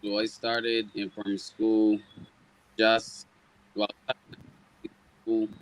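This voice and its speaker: A young man, a cricketer guest giving brief, halting answers over an online call whose connection keeps breaking up and cutting out. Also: lowish voice, monotone, no room sound, low-quality recording. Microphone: remote call audio.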